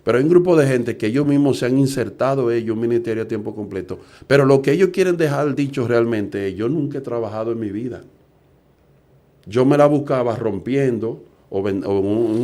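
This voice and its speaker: A mellow, medium-pitched man's voice carries this preaching. He's a middle-aged evangelist from the Dominican Republic, earnest in tone and fond of rhetorical questions.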